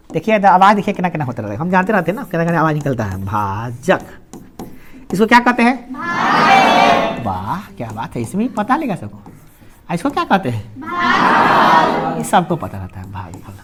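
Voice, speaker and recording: A woman with a Bihari Hindi accent teaching a maths class in a classroom, keeps firing questions at her students and drawing answers out of them. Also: mid-range voice. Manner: animated call-and-response questioning of students. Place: classroom with a board.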